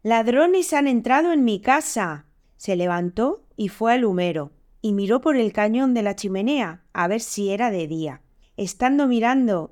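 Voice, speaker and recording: Woman storyteller, animated folk-tale reading, voices for each animal. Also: mid-range voice. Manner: lively, changes voice for each animal.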